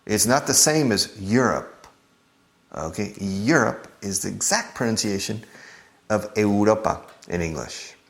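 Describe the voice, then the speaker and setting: A man teaching a beginner English lesson, drilling pronunciation by repeating words slowly. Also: on the low side, lively intonation, gravelly. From United States.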